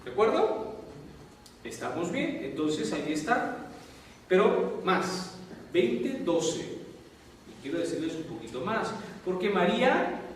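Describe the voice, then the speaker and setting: A man's voice: sits high, big pitch swings, slow pace, long pauses, a little hiss or hum. A man with a Peruvian Spanish accent, a priest teaching a Bible class, who keeps checking in with his students. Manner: asks the class constant check-in questions. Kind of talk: classroom lecture. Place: classroom or lecture hall. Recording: very echoey hall, voice far from mic.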